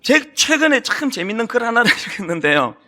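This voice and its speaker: A middle-aged male senior pastor preaching a sermon in a church, telling stories with acted quotes and sudden hushed drops. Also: very high voice, big pitch swings, fairly quick. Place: church sanctuary.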